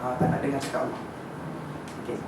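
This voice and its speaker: A man with a Malaysian accent giving an informal religious lecture to a class, telling the story with lively energy and often checking that his listeners follow. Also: fast talker, a crowd in the background. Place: lecture room with an audience. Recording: echoey room, distant mic, background noise.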